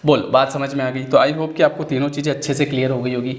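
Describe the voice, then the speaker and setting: A man's voice: mid-range voice, flat delivery, quick pace. A young man from Chhattisgarh teaching an exam-prep English lecture, chatty and joking, often asking his students rhetorical questions. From Chhattisgarh, India. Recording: echoey room.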